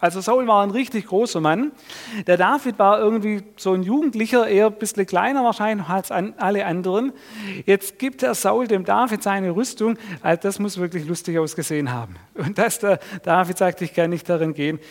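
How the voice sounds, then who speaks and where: A man preaching a sermon, telling a Bible story in a lively way and putting questions to his listeners. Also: high-pitched, a little fast. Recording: long reverb of a hall.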